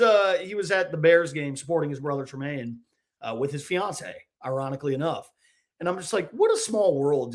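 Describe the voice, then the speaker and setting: Animated, fairly high-voiced guy. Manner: animated storyteller, says "dude" often. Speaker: podcast co-host. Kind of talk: casual chat.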